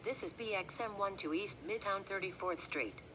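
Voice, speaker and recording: A woman's recorded voice giving bus stop announcements in a flat, measured, clipped readout, heard inside a moving bus. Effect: bus stop announcement over the onboard speaker. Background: engine rumble and road noise.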